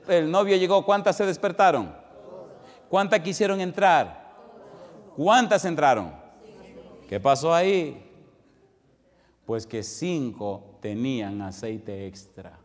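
A man preaching a sermon, firing rhetorical questions at the congregation and telling stories that swing from loud to hushed. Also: fairly high pitch. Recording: long hall reverb.

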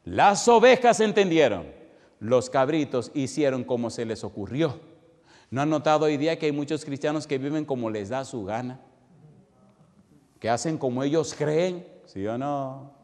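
A man preaching a sermon, firing rhetorical questions at the congregation and telling stories that swing from loud to hushed. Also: mid-range voice, expressive, moderate pace. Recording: long hall reverb.

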